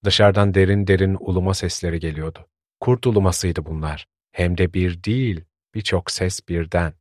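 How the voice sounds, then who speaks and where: A man narrating a story in a calm, measured storytelling voice. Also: deep voice, no echo, clean studio sound.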